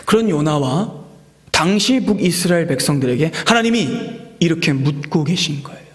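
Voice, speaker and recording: A man preaching an expository sermon, animated, acting out quoted voices and dropping to whispers. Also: a little high, moderate pace. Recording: echoey hall with long reverb.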